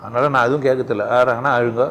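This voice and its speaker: A man giving an informal spiritual talk at a satsang, animated and full of rhetorical questions, often laughing as he speaks. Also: mid-range voice, fast, slight background noise. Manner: laughs often while talking.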